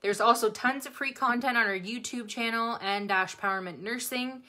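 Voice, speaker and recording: A woman tutoring nursing exam students on a live stream, bubbly and excitable, chatting and answering viewers' comments. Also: fairly high pitch, moderate pace. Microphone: phone or webcam, livestream.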